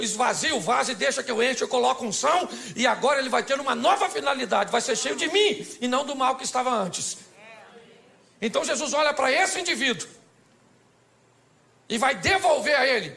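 A man's voice: extremely high pitch, creaky, bright, forceful tone. A man preaching an extroverted, joking sermon to a church congregation. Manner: extroverted, joking, acts out voices. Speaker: pastor. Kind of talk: humorous sermon.

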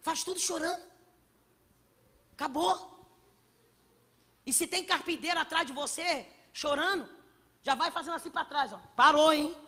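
A woman preaching a sermon with passion, swinging between shouts and hushed asides, in a church hall. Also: high-pitched, normal speed, pauses often. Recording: long reverb of a large hall.

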